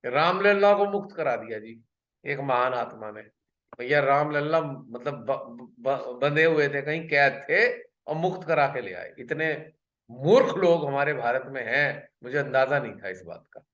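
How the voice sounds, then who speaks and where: A man giving a spiritual talk on a video call, earnest and pausing, often repeating a phrase before going on. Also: medium pitch, animated, a bit bright, reverberant. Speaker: spiritual workshop speaker.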